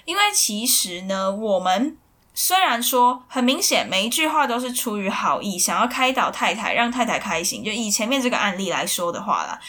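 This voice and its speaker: Bright-voiced woman sharing a book. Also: medium pitch, big pitch swings, moderate pace. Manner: conversational, filler-heavy explaining. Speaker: book reviewer. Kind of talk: casual book summary talk.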